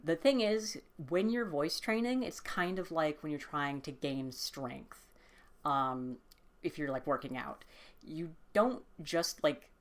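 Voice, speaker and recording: A woman casually explaining voice training exercises, relaxed and hesitant with many fillers. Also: deep voice. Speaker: voice training tutor. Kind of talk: casual instructional vlog.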